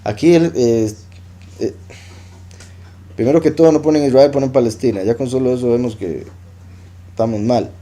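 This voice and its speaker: A man's voice: mid-range voice, moderate pace, pauses often, dark tone. A man teaching scripture to a congregation, explaining a passage step by step and repeating his key points. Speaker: Bible teacher.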